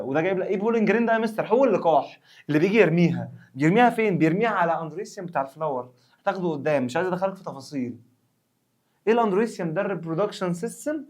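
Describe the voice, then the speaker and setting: A man speaking with an Egyptian Arabic accent, giving a recorded science revision lesson in a playful, joking way. He quizzes the viewer with quick questions and slows down when he reads English text. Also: high-pitched. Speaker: science teacher.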